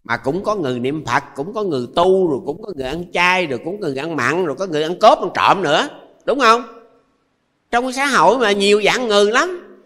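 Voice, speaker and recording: A man's voice: high-pitched, animated, quick pace, a bit bright. Older monk in his 80s, Southern Vietnamese accent, homely sermon with plain examples and repeats. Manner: folksy, repetitive, explains with everyday examples. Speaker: Buddhist monk. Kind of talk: dharma talk to lay followers.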